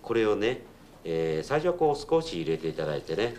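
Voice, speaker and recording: A middle-aged man teaching a cooking demonstration, patient and polite, explaining each step with gentle tag questions. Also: lowish voice, very animated, a little fast, slight background noise. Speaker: cooking instructor.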